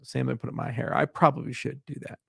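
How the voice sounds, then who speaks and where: A man's voice: medium pitch, steady tone, fast, vocal fry, slightly rough, no room sound, studio quality. A middle-aged man hosting a casual livestream Q&A, telling a long anecdote with many fillers and restarts. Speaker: livestream host answering viewer questions.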